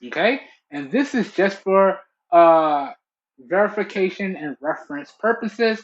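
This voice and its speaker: A young man talking casually and emphatically to camera as a product reviewer, checking in often, recorded through a Bluetooth earbud microphone. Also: high-pitched. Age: young adult. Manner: chatty, emphatic, checking in with "okay" and "all right". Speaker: tech reviewer and channel host. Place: small room indoors. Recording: muffled lo-fi Bluetooth headset mic.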